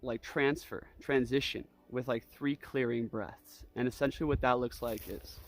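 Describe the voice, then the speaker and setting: A man with a mid-pitched voice leads a breathwork lesson. He talks casually and loosely, checking in as he goes. He gives repeated, simple cues like an informal instructor demonstrating a practice. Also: fairly even intonation, moderate pace, soft background music, poor audio. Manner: easygoing, loose phrasing peppered with "you know", "like" and "right?"; guiding with repeated imperative cues.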